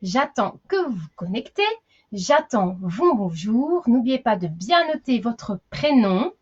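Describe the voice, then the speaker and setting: A woman's voice: on the high side, sing-song, slow pace, a little mellow, slightly rough, dull audio. Chatty woman teacher greeting children. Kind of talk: live online class for young children.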